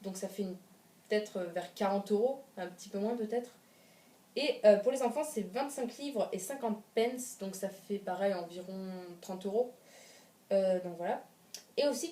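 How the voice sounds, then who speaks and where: A woman's voice: fairly high pitch, mellow. A woman answering viewer questions in a casual vlog, rambling with many fillers and restarts. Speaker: YouTuber. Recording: roomy sound, from a distance.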